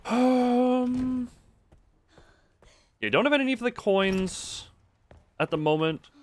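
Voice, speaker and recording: Thinking out loud during a casual live video game session, this man rambles, interrupts himself, and tosses out playful jokes at his own expense. He speaks slowly in a very high, expressive voice.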